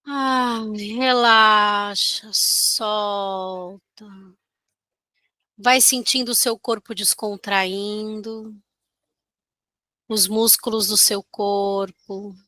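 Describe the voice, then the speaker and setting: A Brazilian woman leading a guided meditation, giving soothing, gentle instructions with long pauses. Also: mid-range voice, steady tone, no echo.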